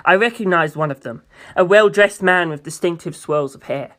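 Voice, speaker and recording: A narrator with a mid-pitched, slightly bright voice reads a first-person novel at normal speed. As an amateur audiobook, the scripted storytelling is carried line by line.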